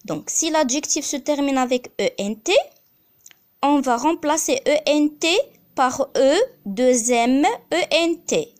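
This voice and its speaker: Woman teacher, unhurried and deliberate, spells words letter by letter and repeats examples. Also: high-pitched. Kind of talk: slow grammar lesson.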